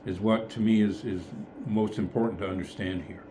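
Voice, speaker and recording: A low, mellow-voiced man leads a casual group Bible study. He thinks aloud, tentative and self-correcting. A faint hiss sits behind his voice. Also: steady tone, fairly quick.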